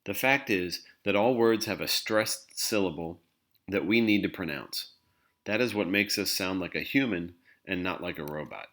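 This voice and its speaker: A man giving a scripted lesson in a clear, patient way, explaining pronunciation to learners. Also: low voice, normal speed, a bit bright. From English-speaking country. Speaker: language teacher. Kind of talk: scripted instructional narration.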